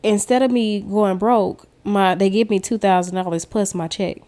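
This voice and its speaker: A woman's voice: medium pitch, fairly even intonation, moderate pace, dark tone. A woman vlogger giving a casual personal testimony, talking straight to her viewers as she tells her story. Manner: chatty storyteller who addresses viewers directly. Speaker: faith vlogger.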